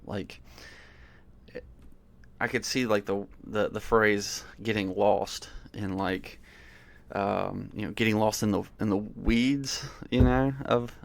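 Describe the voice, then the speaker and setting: A man's voice: on the low side, fairly even intonation, slow pace, creaky. A man from the American South giving casual commentary on worship song lyrics, amused and incredulous, with lots of fillers. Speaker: worship music critic.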